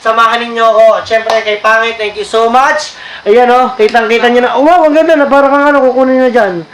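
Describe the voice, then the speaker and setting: A man's voice: very high-pitched, level tone, fairly quick, a bit bright. A man hosting his own vlog outdoors by the sea, chatting casually and thanking his viewers often. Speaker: vlogger host. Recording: echoey with faint noise.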